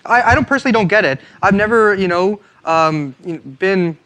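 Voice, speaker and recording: A playful, jokey male host chatting with a guest in a recording studio. His voice sits high and bright, with a lively, teasing edge. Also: a little fast. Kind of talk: casual interview.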